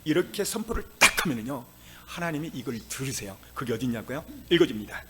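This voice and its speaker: A male pastor preaching a sermon, dropping to hushed tones and then rising to loud exclamations. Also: mid-range voice, animated, fast talker, very noisy.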